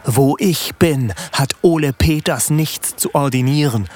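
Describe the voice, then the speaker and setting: A man voicing a furious dike reeve on horseback who shouts stern orders. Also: a little high, a little slow, voice pushed up.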